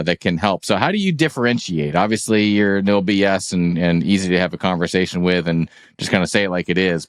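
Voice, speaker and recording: A man's voice: sits low, clean tone, no echo, clean studio sound. A man hosting a podcast, interviewing a guest with friendly affirmations and long, rambling questions. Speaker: podcast host.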